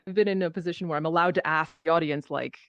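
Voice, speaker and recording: Over dull, lo-fi online voice chat, a woman panelist shares animated stories in a casual discussion; she's a VR theatre performer and show host. Her low voice holds a steady tone and moves fast, with no room sound.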